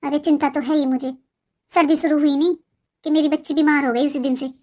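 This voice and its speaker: A woman voicing a cartoon mother-in-law who lectures the household and hands out advice. She is played in a strikingly high voice, in the manner of animated family tales. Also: fairly quick, close to an everyday voice. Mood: worried. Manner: lecturing, advising. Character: mother-in-law, scolding but caring grandmother. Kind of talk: cartoon voice acting.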